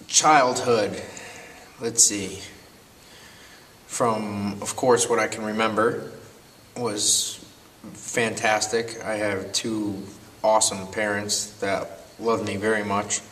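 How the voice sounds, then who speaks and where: A young man in his twenties from Connecticut speaks in a measured, unhurried way. His voice is low and very flat, recorded from a distance with a faint hiss underneath. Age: 20s. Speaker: interviewee. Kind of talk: documentary testimony.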